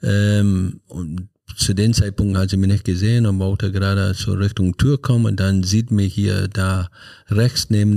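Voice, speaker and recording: Low, gravelly man from Scotland. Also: warm tone, no echo, studio quality. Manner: earnest, halting storytelling in non-native German. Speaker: podcast guest. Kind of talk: personal life story in an interview.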